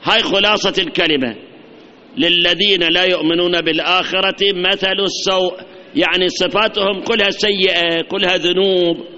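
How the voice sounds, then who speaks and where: A man's voice: high voice, bright, forceful tone. A man preaching a sermon with an Iraqi Arabic accent, emphatic, addressing his listeners directly and piling up repeated lists. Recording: dull lo-fi recording.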